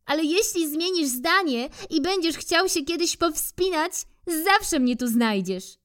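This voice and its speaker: A woman voicing an eager, persistent female squirrel in a children's storybook reading, in a high, bright, coaxing voice. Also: lively intonation, a little slow, exaggerated voice. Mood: cheerful.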